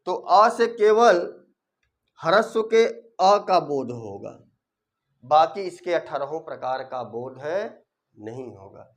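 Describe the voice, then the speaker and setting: A man's voice: a little high, animated, takes it slowly. A man teaching an online grammar lesson, reciting rules syllable by syllable and then explaining them with rhetorical questions.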